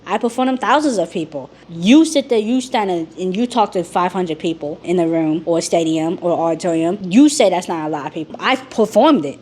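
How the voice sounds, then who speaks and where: A woman talking frankly in a rambling personal vlog, her voice rough from being sick. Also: lowish voice, lively intonation, fairly quick, hardly any pauses, darkish tone. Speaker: YouTuber.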